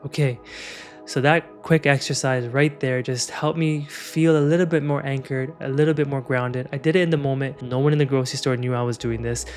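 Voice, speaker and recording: A man's voice: mid-range voice, steady tone, fairly quick, faint music behind. A man in his thirties telling a personal story in a frank, conversational way, then guiding the listener through a breathing exercise. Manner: conversational, frank, with many fillers like "like". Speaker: meditation guide. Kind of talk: casual storytelling and guided breathwork.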